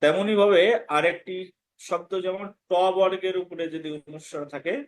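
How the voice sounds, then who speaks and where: Man slowly teaching Sanskrit pronunciation. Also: sits high, steady tone. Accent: Bengali. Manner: patient, repeats words slowly to demonstrate pronunciation. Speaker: Gita course teacher. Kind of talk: pronunciation lesson.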